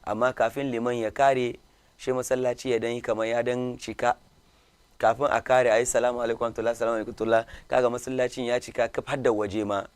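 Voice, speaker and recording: A man hosting an interview, preaching in Hausa before calmly questioning his guest and repeating her answers back. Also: mid-range voice, rapid-fire, clean tone, no room sound. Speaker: host. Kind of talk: radio interview, opens with Hausa sermon.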